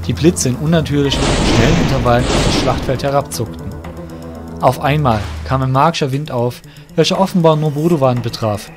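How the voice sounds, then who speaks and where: A man with a medium-pitched voice tells a scripted fantasy audio drama story. Music can be heard distinctly in the background as he narrates.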